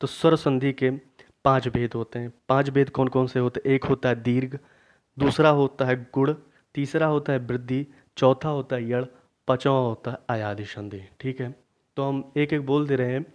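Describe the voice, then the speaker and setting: A man teaching a grammar lesson for exam preparation, asking questions and then answering them himself, repeating key points slowly. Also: mid-range voice, steady tone. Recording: dull lo-fi recording.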